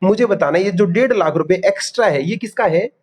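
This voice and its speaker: A male teacher giving an online class lecture, calling students "beta", drilling key terms and quizzing them for quick answers. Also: sits high.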